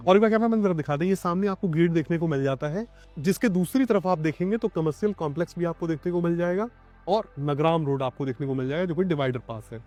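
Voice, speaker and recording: Man, property tour host, outdoors, fairly high voice, light music underneath. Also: fast talker, a little mellow. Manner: explanatory, addresses viewers as friends. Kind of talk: on-site property tour interview. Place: outdoors at a plot site.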